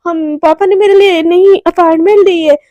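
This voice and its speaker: A woman's voice: very high-pitched, steady tone, normal speed, warm tone, no echo, muffled recording. A woman voicing a chatty, dramatic young college girl who rambles and exclaims in a storybook telling. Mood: boastful.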